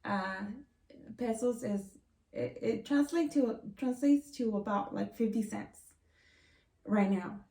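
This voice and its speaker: A woman's voice: on the high side, slow, vocal fry, dark tone. A woman from Mexico, telling her own story in an earnest, reflective vlog. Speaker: vlogger. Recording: roomy, distant from the mic.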